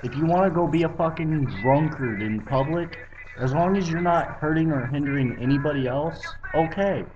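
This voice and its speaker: A man's voice: on the high side, normal speed. A young man from Arizona vlogging, bluntly lecturing viewers with plenty of swearing. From Arizona, USA. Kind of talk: opinionated political rant. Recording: dull lo-fi webcam audio.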